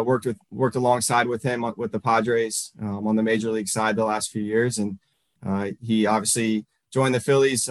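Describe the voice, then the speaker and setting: A man in his thirties from Northern Virginia, a baseball coach answering interview questions in a halting way, full of fillers and restarts. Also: mid-range voice, dry recording.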